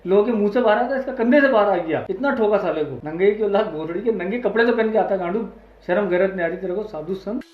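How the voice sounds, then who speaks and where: Fired-up man ranting in a high voice. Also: quick pace, few pauses, a little hiss or hum. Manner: heated, crude, swears often. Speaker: online video host. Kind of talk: angry reaction commentary. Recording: echoey, dull lo-fi audio.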